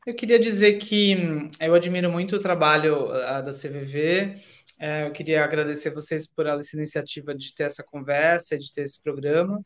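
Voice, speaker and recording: A man speaking in a soft, reflective way on a podcast. He talks at an unhurried pace and draws out the key phrases, with the calm manner of someone explaining feelings. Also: on the high side. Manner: gentle, slows down on key phrases and acts out quoted voices. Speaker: podcast guest. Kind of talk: reflective conversation on emotions. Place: podcast studio.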